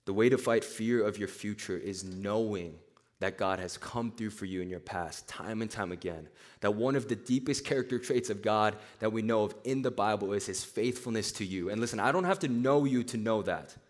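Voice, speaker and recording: A young man from Tennessee giving a casual sermon to students, telling stories in an animated, chatty way with asides. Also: lowish voice, moderate pace. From born in Korea, raised in Nashville, Tennessee. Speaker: campus speaker.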